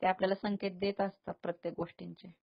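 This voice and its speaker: Host: woman, level monotone delivery, dry muffled recording. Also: lowish voice, fast talker, vocal fry, no echo. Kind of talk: calm interview remarks. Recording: dull, dry lo-fi sound.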